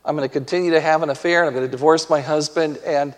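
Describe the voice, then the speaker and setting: A man's voice: a little high, fairly even intonation, quick pace, natural voice. A preacher quoting a flippant, defiant woman. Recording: long hall reverb.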